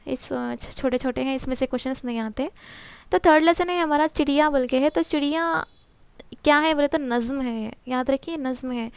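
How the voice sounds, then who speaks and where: A woman's voice: sits high, no echo. A woman teacher walks through a textbook lesson, asking and answering her own questions and mixing in English terms. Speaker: exam-prep teacher.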